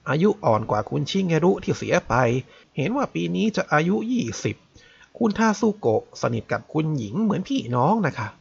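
A man's voice: on the high side, very animated, brisk, vocal fry, breathy edge, exaggerated voice. A man voicing a loyal elderly woman servant who speaks politely and defends her mistress. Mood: explaining. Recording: dull lo-fi recording.

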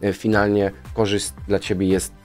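A man's voice: on the low side, level tone, moderate pace, a little mellow, soft background music. A man as a guest in a radio studio, explaining finances at length in a rambling way, often ending with a question tag. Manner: rambling, tags statements with "nie?". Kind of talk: radio interview answers. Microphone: studio boom mic.

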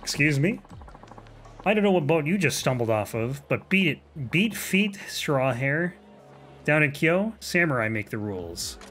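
A man putting on a loud, crude samurai thug who sneers at everyone around him. The voice rides a notch higher than usual and lands every insult with a bullying swagger. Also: sing-song, measured pace, faint music behind. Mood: mocking. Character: brash bullying middle-aged male samurai.

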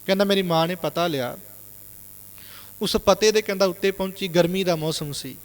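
A man's voice: sits high, normal speed, long reverb tail. A Sikh preacher telling a moral story in an earnest sermon, repeatedly inserting "he said.".

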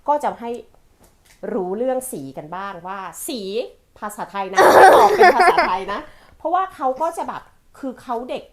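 A woman in her forties hosting a casual family vlog, animated and laughing often as she coaxes her daughter through questions. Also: on the high side, normal speed, crowd noise. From Thailand. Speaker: vlog host, mother.

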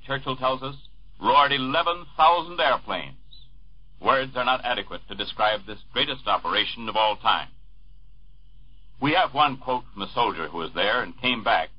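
A man reads the news in a formal, measured tone, his voice husky and slightly breathy. It comes through a dull, muffled 1940s radio broadcast recording, with the top end rolled off. He is a studio newscaster delivering bulletins. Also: mid-range voice. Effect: old 1940s radio broadcast recording.

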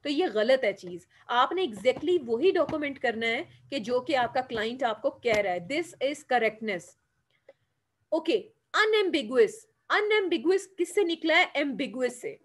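A woman with a Pakistani Urdu accent giving a classroom lecture, explaining step by step, asking the class questions and answering them, and mixing English terms into her Urdu. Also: on the high side.

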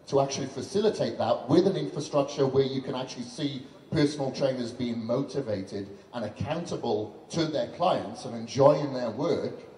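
A man in his thirties speaks on stage through a handheld mic in a big event hall. His voice is mellow and dark, and his talk is earnest and chatty. Long reverb rings around him, with a faint hum of noise behind. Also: mid-range voice, normal speed, hardly any pauses. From Western country. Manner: chatty, earnest, many fillers like "you know". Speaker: fitness trainer and guest speaker. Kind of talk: on-stage speech at a launch event. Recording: roomy hall echo with faint background noise.

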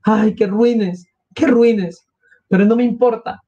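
A man voicing a frantic, consumptive noble mother, shrill and breathless. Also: steady tone, slow pace, warm tone, lo-fi sound. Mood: indignant.

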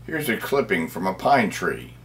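A middle-aged man presenting a scripted science demonstration, speaking deliberately as if dictating, phrase by phrase. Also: deep voice, very animated, fairly bright tone, a little hiss or hum. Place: small cluttered indoor workroom.

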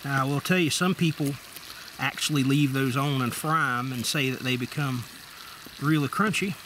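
Working with his hands at an outdoor camp table, a middle-aged man walks viewers through a casual how-to step by step in a plain, folksy manner. He's a survival vlogger speaking at medium pitch and normal speed, captured by an overhead camera with water pump noise behind him.

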